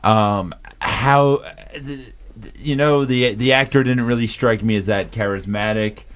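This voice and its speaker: A man's voice: lowish voice, measured pace, smooth. A man co-hosting a casual comedy podcast, rambling with restarts and fillers. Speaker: podcast co-host.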